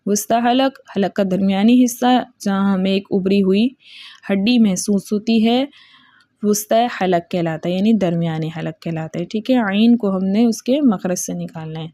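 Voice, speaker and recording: A woman teaching the rules of Quran recitation in Urdu with a Pakistani accent, patiently repeating each point, checking understanding, and chanting verses slowly. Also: medium pitch, dark tone, no room sound, clean studio sound. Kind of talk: tajweed lesson.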